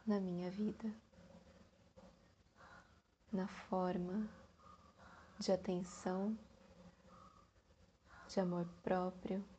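Brazilian lady doing guided meditation, super slow soothing breathy voice, mellow tone, some background noise. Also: lowish voice.

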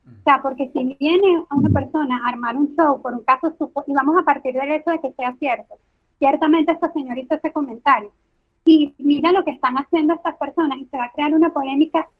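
A woman with a notably high voice and a Venezuelan coastal Caribbean accent that could pass for coastal Colombian. She discusses her views casually as a podcast guest. The audio is narrow and tinny, like a phone call. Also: a little fast. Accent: Venezuelan, coastal Caribbean, sounding like coastal Colombian.

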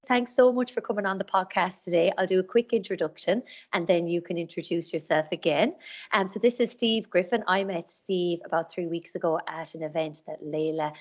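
Host: woman, Irish accent, slightly low pitch, conversational and encouraging interview delivery. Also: a little fast, dull audio. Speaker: podcast host. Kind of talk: podcast introduction and casual interview.

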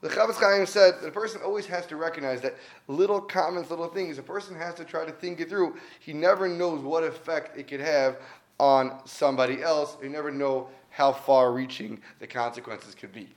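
A man with a fairly high voice speaks fairly quickly as a Torah teacher giving a weekly talk. He's earnest and conversational, telling stories and stressing points through emphatic repetition.

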